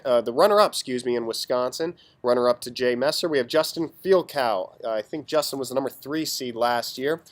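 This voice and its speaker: A man with a medium-pitched, hoarse voice, sounding under the weather, hosts a homemade sports standings announcement. He talks casually, with a playful touch of official commissioner formality. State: hoarse, sick. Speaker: fantasy football league commissioner and host.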